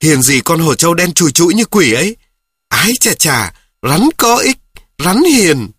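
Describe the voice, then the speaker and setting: A man voicing a feisty schoolboy who argues quickly and insistently with his friend. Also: fairly high pitch, lively intonation, sharp tone, no echo, studio quality, pitched above the performer's own voice. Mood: heated, scornful.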